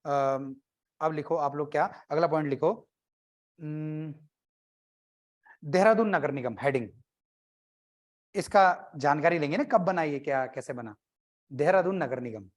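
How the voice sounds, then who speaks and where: A man's voice: a little high, measured pace, pauses often. A man teaching an exam-prep class, talking conversationally, quizzing his students and cracking jokes.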